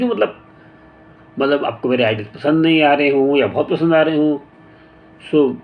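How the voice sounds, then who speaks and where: A man giving a casual motivational talk, unhurried, thinking aloud with pauses and restarts and mixing in English phrases. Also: mid-range voice, phone-quality sound. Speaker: motivational speaker.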